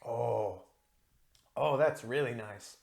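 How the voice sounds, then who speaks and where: A man's voice: mid-range voice, slow, gravelly, a little mellow. A man hosting a casual video beer review, talking in a chatty, explanatory way with frequent ums and uhs. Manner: careful with pronunciation, drawn out.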